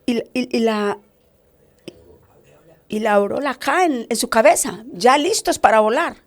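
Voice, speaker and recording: A woman's voice: a little high, animated, measured pace, no echo. A woman giving an impassioned preaching testimony in a pleading tone.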